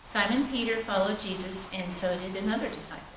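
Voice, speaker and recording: In a large indoor church, a woman reads scripture solemnly during a service. Her mid-range voice is a bit bright and moves a little fast. The recording sounds roomy, noisy and distant.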